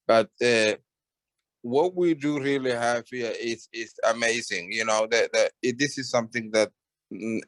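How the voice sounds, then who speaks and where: A man from Somalia giving a halting personal testimony on a video call, with many restarts and fillers. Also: medium pitch. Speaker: webinar participant. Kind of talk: casual testimony.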